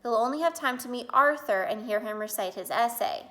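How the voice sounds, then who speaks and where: A woman voicing a calm, patient father while reading a picture book aloud. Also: on the high side, a little fast.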